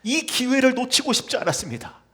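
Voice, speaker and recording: Impassioned Korean pastor, lively pitch. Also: male voice, fast talker. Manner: swings from hushed to shouted cries when quoting scripture. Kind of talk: sermon. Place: church sanctuary.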